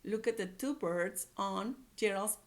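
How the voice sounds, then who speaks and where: At a measured pace and in a mid-range voice, an early-grade reading teacher reads aloud with young children. Repeated words and phrases and encouraging questions carry the lesson along.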